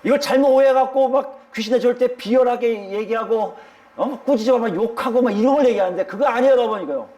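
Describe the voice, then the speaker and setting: A man's voice: extremely high pitch, fast, warm tone, dull audio. A male pastor preaching a sermon, speaking emphatically and addressing the congregation directly.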